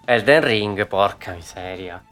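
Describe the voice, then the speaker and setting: Male host, lively off-the-cuff stream chat, salty language, music low underneath. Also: slow. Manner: animated, swears freely, frequent fillers. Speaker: talk show host. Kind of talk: casual live-stream chat.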